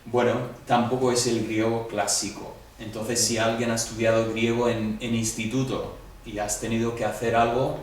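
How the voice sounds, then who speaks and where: A man's voice: mid-range voice, flat delivery, normal speed, slight background noise. A man lectures a class in an easy, conversational way, speaking directly to his students. His voice carries through a very echoey classroom, and he stands some distance the microphone. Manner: conversational, addresses students directly, acts out quoted dialogue. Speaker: Greek teacher. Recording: echoey room, voice from off the mic.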